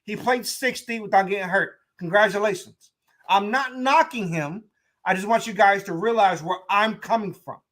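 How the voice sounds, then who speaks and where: A high-voiced young man hosting a sports talk show. He talks to his listeners in a loose, animated way and often repeats and restarts his points. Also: moderate pace. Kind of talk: casual sports commentary.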